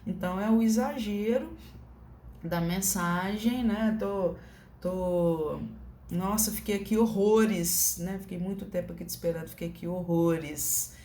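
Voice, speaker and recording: A woman's voice: fairly low pitch, unhurried, mellow, a little hiss or hum. Brazilian woman teaching, roomy home echo. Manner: conversational, many tag questions. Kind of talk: online lecture. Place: room at home.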